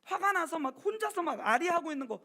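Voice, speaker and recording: A man in his thirties preaching a youth sermon as pastor in a church, telling a personal story with animated swings between loud and hushed delivery. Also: very high-pitched, quick pace.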